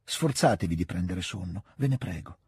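A man reading the lines of a young woman tenderly nursing her beloved, gentle and pleading. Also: deep voice, expressive, normal speed, breathy edge, pitched below the performer's own voice, exaggerated voice.

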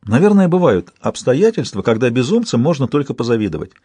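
A man reading an audiobook in a measured, tense first-person narration. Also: mid-range voice, sing-song, dark tone, breathy edge, no room sound. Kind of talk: scripted narration.

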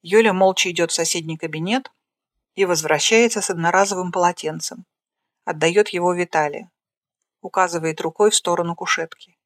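A narrator reading the stage directions of a screenplay aloud in a plain, flat way. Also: mid-range voice, a little fast, no room sound, studio quality.

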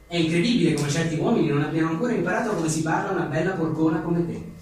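Talking very fast in a fairly high voice with a darkish tone, a writer and journalist reads wry one-liners from his own book at a live presentation, chuckling often and adding casual asides. The reverberant room and distant mic give an echoey sound with faint noise.

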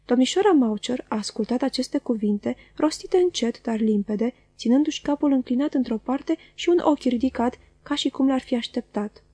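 A woman reading a novel aloud as an audiobook, in measured storytelling. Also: high voice, dark tone, slightly rough, no room sound. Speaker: audiobook reader.

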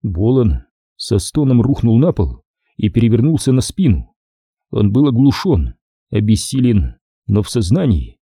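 A man narrating a crime audiobook in measured, expressive storytelling. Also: on the low side, husky, dry recording, studio quality. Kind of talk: scripted narration.

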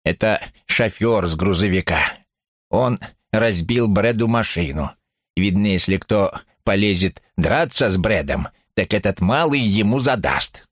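A man voicing a gossipy older small-town woman who talks loudly so others hear. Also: fairly low pitch, animated, a little slow, no room sound, clean studio sound, pitched above the performer's own voice. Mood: gossiping. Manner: loud, tattling delivery. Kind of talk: audiobook character voice.

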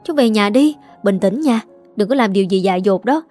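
A woman as a gentle, sorrowful aunt. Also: medium pitch, fairly quick, soft background music, close to an everyday voice. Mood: urgent. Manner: soothing, urgent.

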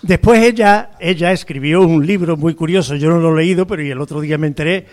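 A man's voice: fairly high pitch, fast, darkish tone. A man on a radio program, talking loosely about a novel with many fillers and restarts, then reading a page aloud. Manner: hesitant, full of "eh" fillers and restarts, explanatory. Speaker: guest reader on a radio program. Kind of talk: conversational literary talk and reading aloud.

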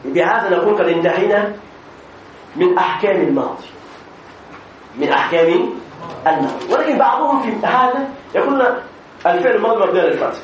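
A man's voice: sits high, lively intonation, fast talker, long pauses. A man teaching a grammar lesson as a sheikh, asking questions and answering them himself, with frequent hesitations and repeated words. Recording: echoey room, distant mic, faint noise.

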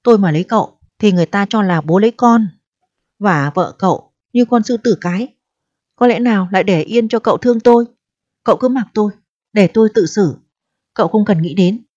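A woman's voice: a little fast, a little mellow, no room sound, close to an everyday voice. A woman voicing a distressed, proud eighteen-year-old pregnant girl who pleads and reproaches in a storybook reading. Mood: bitter resolve. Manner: pleading and reproachful, turning shrill when upset. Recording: dull, dry audio.

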